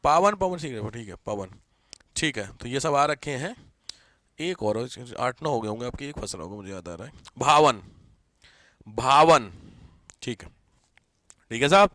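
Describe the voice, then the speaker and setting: A man's voice: mid-range voice, moderate pace, pauses often, no echo. A man teaching a live grammar class, quizzing and teasing his students as he goes. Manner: lively, teasing, questions students often.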